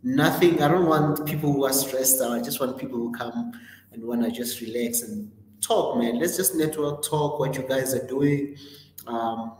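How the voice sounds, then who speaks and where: Pitched fairly high with a darkish tone, the male host chats through the week's schedule on his livestream, full of ums and self-corrections. There's slight background noise, and the space echoes with long reverb.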